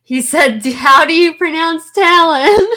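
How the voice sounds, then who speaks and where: A woman's voice: very high-pitched, a little slow, sharp tone. A woman with a Delco Philadelphia accent hosting a casual podcast chat, speaking in a blunt, joking, informal way. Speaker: podcast host.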